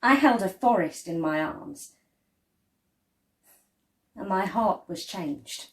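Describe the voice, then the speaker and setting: Reading from a picture book, this woman tells the story at a slow, deliberate pace, using pauses and dramatic emphasis for expressive effect. She speaks at a mid-range pitch, and the sound carries a roomy indoor echo.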